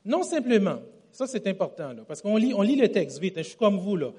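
A man preaching a sermon with a Quebec French accent, telling stories in an animated way and often repeating and correcting himself. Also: high voice, fairly quick, breathy edge. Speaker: pastor.

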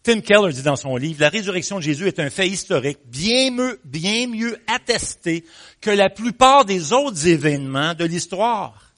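A man with a Québécois French accent preaching a sermon, telling a story in an animated way with many pauses and asides. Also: sits high.

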